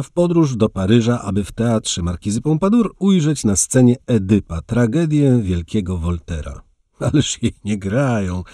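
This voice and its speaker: A man's voice: medium pitch, dark tone, dry recording, clean studio sound, voice pushed up, close to an everyday voice. A male narrator voicing a boastful, elegant young adventurer who speaks grandly. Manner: bold, grandiose.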